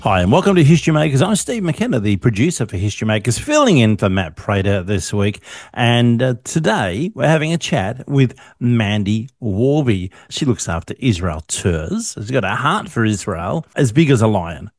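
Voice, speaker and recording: A man's voice: medium pitch, very animated, moderate pace, darkish tone, dry recording, clean studio sound. An older man filling in as host, asking questions in a chatty, upbeat way. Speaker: show producer filling in as host. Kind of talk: radio-style interview.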